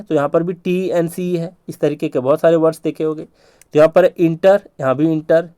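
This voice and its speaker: Guy teaching spelling, drills words slow syllable by syllable, kinda high mellow voice, dry sound. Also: no room sound. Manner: drills words slowly syllable by syllable, repeating in a chant. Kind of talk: spelling lesson for exam students.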